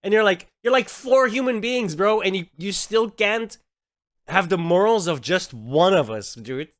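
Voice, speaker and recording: A high-pitched, fairly bright male voice with lively intonation and an unhurried pace comes through a dry, studio-quality recording. The speaker, a native Dutch speaker from Belgium with a Belgian Dutch accent, reacts to a clip on his stream with an angry rant laced with frequent swearing.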